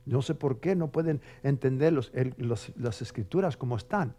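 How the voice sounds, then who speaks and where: A man's voice: medium pitch, normal speed. A man preaching a television sermon as a pastor, emphatic and conversational, often checking in with his listeners and acting out prayer styles. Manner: emphatic, conversational, with frequent rhetorical tags; mimics dramatic prayer voices loudly for effect.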